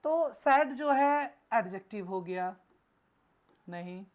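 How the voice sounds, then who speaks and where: A woman's voice: mid-range voice, lively intonation, takes it slowly. A woman with an Indian accent teaching an exam-prep grammar lesson, asking questions and answering them herself and spelling out words letter by letter.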